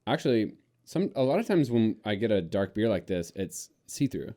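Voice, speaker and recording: A man co-hosting a casual podcast, playful and quick to laugh while tasting beer. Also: on the low side, very animated, warm tone. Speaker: podcast co-host.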